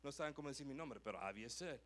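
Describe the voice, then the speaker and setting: A man's voice: medium pitch, animated, fast talker, a bit bright. A man preaching a testimony in a church, telling his story with emotion and restating each line in a second language. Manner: switches between Spanish and English line by line, emotional storytelling. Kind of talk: bilingual sermon testimony. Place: church sanctuary.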